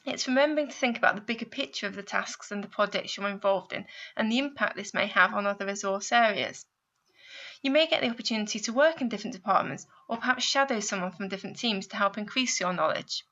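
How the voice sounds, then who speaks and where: Speaking quickly with a bright, forward voice at medium pitch, a university placement adviser narrates a scripted instructional video. She explains clearly and methodically, addressing the listener directly with guiding questions, though the audio is somewhat dull and lo-fi.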